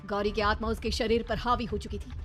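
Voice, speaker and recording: Lady narrating spooky cartoon story, dramatic telling, loud music behind. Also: mid-range voice, flat delivery, quick pace.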